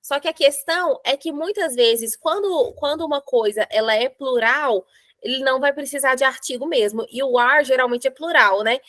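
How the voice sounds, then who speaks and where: A woman teaching an English grammar class, explaining step by step and slowing down to spell out examples. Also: high voice, fairly bright tone, dry recording, rough recording.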